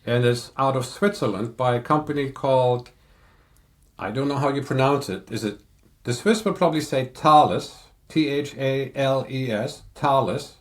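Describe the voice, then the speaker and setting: An older man in a casual podcast chat, explaining audio equipment in a measured, technical way. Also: mid-range voice. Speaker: audio reviewer guest.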